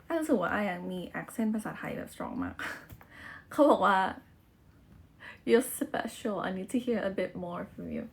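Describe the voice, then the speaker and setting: A woman's voice: mid-range voice, big pitch swings, moderate pace, creaky. A woman with a Thai accent, a native Thai speaker, hosting a casual livestream chat into a phone mic and switching between chatty Thai and careful English. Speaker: livestream host.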